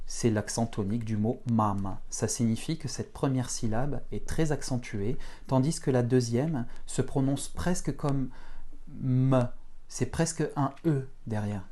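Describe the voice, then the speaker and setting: A man teaching beginners to write letters, talking them slowly through each stroke. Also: medium pitch, mellow. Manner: slow, step-by-step instruction. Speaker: Russian teacher. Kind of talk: handwriting lesson for beginners.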